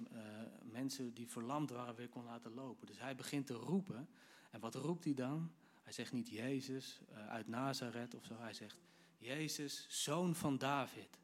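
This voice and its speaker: A man giving a sermon, retelling a Bible story vividly and speaking directly to his listeners. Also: medium pitch. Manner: lively storytelling, acts out quoted lines; addresses the audience directly. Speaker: preacher.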